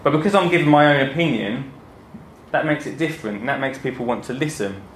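Male speaker, Essex accent, mid-pitched, informal and jokey stage presenter, roomy sound with some background noise. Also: fast talker, fairly bright tone. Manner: chatty, joking, self-deprecating. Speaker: gardening podcaster and speaker. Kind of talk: informal stage talk to an audience. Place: indoor talk before an audience, roomy space.

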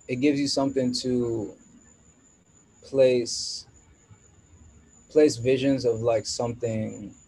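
A man's voice: mid-range voice, mellow, breathy edge, no room sound, low-quality recording. A man from the US East Coast, a guest musician in a casual podcast chat, rambling and searching for words with many restarts.

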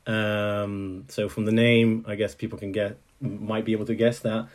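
A man from Italy, a software engineer, appears as a guest in an interview conversation. His voice is lowish and flat, moving at a moderate pace. He speaks thoughtfully, often restarting sentences and leaning on fillers.

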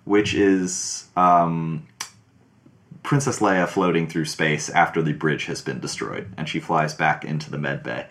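A man's voice: extremely low pitch, steady tone, unhurried, a bit bright. A man chatting casually about a movie, swearing now and then and acting out his own reactions.

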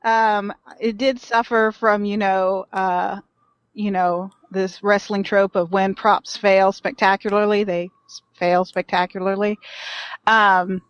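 A woman's voice: mid-range voice, level tone, slow, clear, resonant tone, no echo, highs cut off. A woman chatting as a podcast panelist, hesitant and heavy on fillers. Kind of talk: casual chat.

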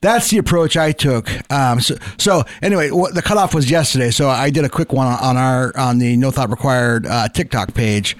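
A man's voice: medium pitch, normal speed, hardly any pauses, no room sound. A man hosting a podcast in casual, informal chat, talking loosely and with some swearing. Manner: informal, profane. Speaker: podcast host.

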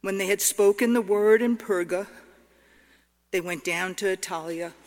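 A woman reading scripture aloud at a church service, formally and with deliberate, solemn phrasing. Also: medium pitch, a little mellow. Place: large church. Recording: long cathedral-like echo of large space.

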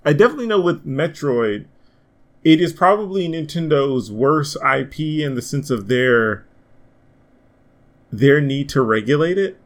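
A man hosting a casual gaming podcast, animated and swearing freely as he rants about games. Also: on the high side, a little slow. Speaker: podcast host.

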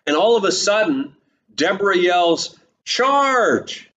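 A pastor preaching a sermon and retelling the story, breaking into quick voiced lines for its people. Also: male voice, fairly high pitch. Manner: retells the story and quotes its people in lively snatches of voice. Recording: slightly dull recording with faint hiss.

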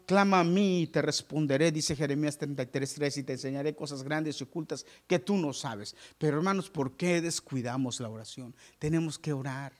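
A male pastor delivers a lively sermon to his congregation. He moves from booming, emphatic questions to quiet, confiding asides. His voice sits somewhat high for a man. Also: brisk, few pauses. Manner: dynamic preaching, swinging from loud exclamations to hushed asides.

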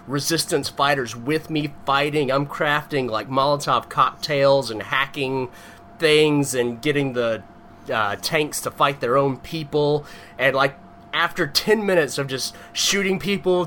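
A man co-hosting a casual gaming podcast, telling a rambling, animated story full of fillers. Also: fairly high pitch, a little hiss or hum. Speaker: podcast co-host. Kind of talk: casual chat.

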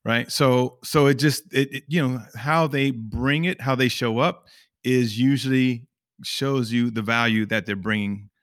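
A man in a casual panel discussion, talking haltingly with many restarts. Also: medium pitch, a bit bright, no room sound, studio quality.

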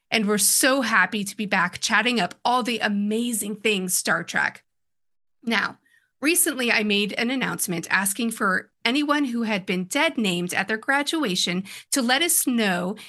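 A woman's voice: medium pitch, lively intonation, moderate pace, bright, forceful tone. A woman hosting a chatty podcast and moderating a panel.

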